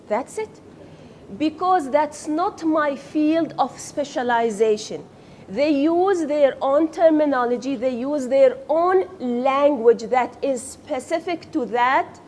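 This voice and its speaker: A woman whose first language is Arabic teaches a class slowly in a high-pitched, darkish voice. She quizzes her students and praises their answers, with slight background noise.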